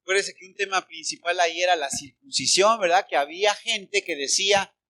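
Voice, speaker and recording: A Mexican man preaches a sermon in a ringing, forceful voice. His pitch sits high for a man, and he keeps asking the congregation for agreement. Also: fairly quick. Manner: animated preaching with rhetorical questions to the congregation. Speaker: pastor.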